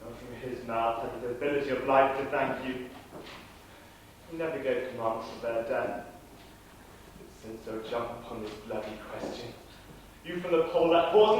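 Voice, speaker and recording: A man's voice: mid-range voice, lightly acted. A young man playing a loyal, grieving nobleman in impassioned Shakespearean stage acting. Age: young adult. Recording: very echoey hall, distant mic, faint noise.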